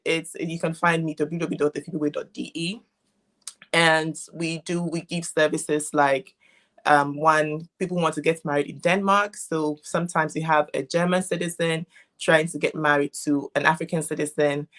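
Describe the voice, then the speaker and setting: A woman's voice: low-pitched, a bit bright. Fields: woman, patient explainer. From Ghana. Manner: explanatory, unhurried with frequent restarts. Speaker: guest, legal interpreter. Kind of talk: casual interview. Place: home in Germany.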